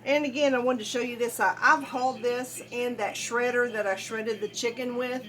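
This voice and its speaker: Casting: mature woman, slightly high pitch, casual folksy home-cook vlogger, chatty delivery straight to the audience. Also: fairly even intonation, moderate pace, a bit bright. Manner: folksy, chatty, addressing viewers. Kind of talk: casual cooking demonstration chat.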